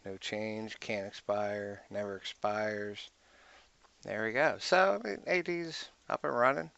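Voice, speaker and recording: A man's voice: lowish voice, unhurried, vocal fry, a bit bright, no echo, lo-fi sound. A man giving a casual screen-recorded tech walkthrough, thinking aloud and muttering to himself as he clicks. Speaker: IT tutorial host.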